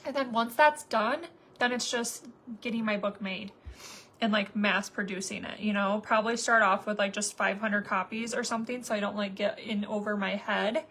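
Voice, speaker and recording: A woman's voice: mid-range voice, steady tone, moderate pace, a bit bright, a little hiss or hum. A woman in her thirties chatting casually to viewers while doing her makeup, rambling with lots of fillers. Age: 30s. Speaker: makeup vlogger.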